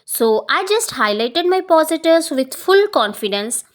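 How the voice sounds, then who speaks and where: A woman's voice: sits high, very animated, a little slow. A woman with a South Indian accent giving earnest, emphatic advice straight to viewers in an instructional monologue. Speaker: career advice video creator.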